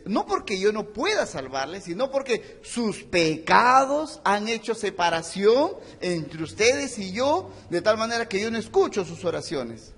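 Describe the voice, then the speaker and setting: A man's voice: high voice, breathy edge, long reverb tail. A man preaching a sermon in a church, earnest, addressing listeners as brothers and acting out stories. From Peru. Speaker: pastor.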